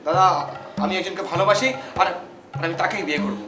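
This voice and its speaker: A man's voice: sits high, close to an everyday voice. A man playing a pleading young lover. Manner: pleading, hurried. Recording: echoey room, music behind.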